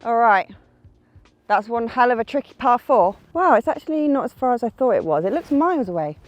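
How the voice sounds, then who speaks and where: A woman's voice: on the high side, expressive, fairly quick, dry recording, dull audio. A young woman narrating her own golf round outdoors, chatty and self-mocking, talking herself through each shot. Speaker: golf vlogger. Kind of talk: casual running commentary while playing golf.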